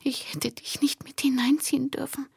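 A woman's voice: high-pitched, little pitch movement, moderate pace, creaky, dry recording, clean studio sound, voice pushed up. A woman voicing a frightened young girl who speaks in a choked, breathless whisper, in a whispered role-play of an audiobook. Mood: terrified.

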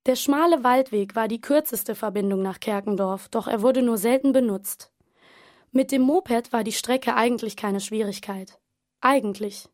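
A woman narrating a suspense story as an audiobook, in a tense and measured storytelling manner. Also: on the high side, a little mellow, dry recording, studio quality.

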